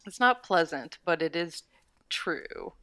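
Low-voiced woman in enthusiastic recap chat. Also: big pitch swings, slow, pushed and bright, no echo. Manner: enthusiastic, steers the discussion.

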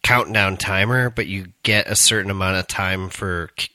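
A man's voice: sits low, normal speed, sharp tone, dry recording, clean studio sound. A man chatting casually on a podcast, explaining a game's mechanics. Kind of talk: casual chat.

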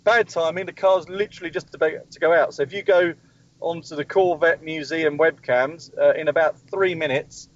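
A man with a slightly high voice calls in to a live interview from a race track testing session, speaking as a motorsport team spokesperson. He talks at a normal speed but rambles, with many ums and restarts, and the highs are cut off.

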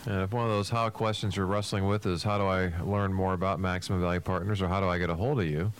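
A man's voice: low voice, steady tone, fast, smooth. A man co-hosting a casual radio talk show as a business coach, speaking informally and rhetorically.

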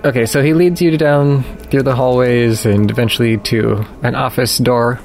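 A man's voice: mid-range voice, fairly even intonation, moderate pace, a little mellow, slight background noise. A man narrating a tabletop game as game master, describing scenes for his players.

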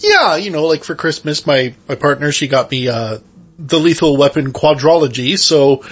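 A man's voice: on the high side, animated, normal speed, a bit bright, husky. A man co-hosting a podcast in casual chat, talking in a rambling, conversational way. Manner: rambling, conversational, often saying "like". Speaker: podcast co-host.

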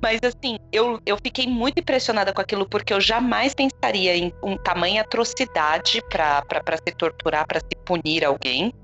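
A woman's voice: medium pitch, moderate pace, hardly any pauses, a bit bright, muffled recording. Chatty podcast co-host lady, medium voice, faint music behind. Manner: chatty, laughs while telling stories. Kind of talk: casual podcast chat.

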